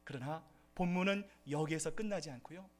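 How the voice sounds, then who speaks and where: A man's voice: a little high, fairly quick. A man preaching a sermon as pastor at a church service, addressing the congregation and rising into impassioned outbursts.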